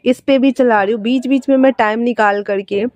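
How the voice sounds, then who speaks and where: A woman's voice: fairly high pitch, steady tone, brisk, darkish tone, no echo. A young woman with a sore throat chatting casually and narrating a fan fiction story, with scolding asides.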